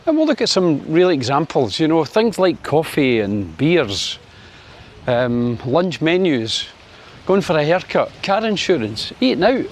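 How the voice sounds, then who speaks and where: At a measured pace, a Scottish man in his sixties vlogs his views to camera, his pitch swinging widely over slight background noise. He's wry and talkative, leans on fillers, and raises his pitch for sunny Spain.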